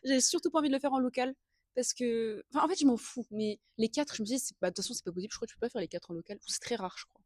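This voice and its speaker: A woman's voice: fairly high pitch, very fast, no room sound, studio quality. A woman in her early twenties co-hosting a podcast, telling personal stories in a slangy, rambling, giggly way. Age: early 20s. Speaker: podcast co-host. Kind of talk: casual chat, personal storytelling.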